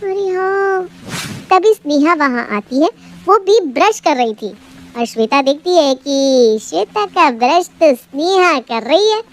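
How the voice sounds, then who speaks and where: A woman narrating a scripted family story in a plain, even storytelling manner. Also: high-pitched, measured pace.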